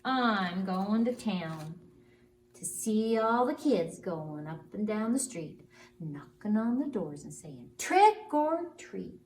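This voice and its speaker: A woman voicing an eager, mischievous little male bat in a drawn-out nursery-rhyme chant. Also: mid-range voice, big pitch swings, a little mellow. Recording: roomy, distant mic, faint noise.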